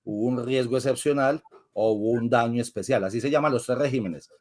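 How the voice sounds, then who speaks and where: A man's voice: mid-range voice, a little fast, a little mellow. A man, a lawyer guest in an interview, who explains patiently like a teacher and asks and answers his own questions. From Colombia.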